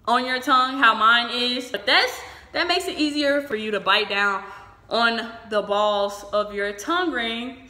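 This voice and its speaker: A woman's voice: on the high side, sharp tone. A woman chatting informally and frankly, giving casual advice as a vlogger. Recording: echoey room.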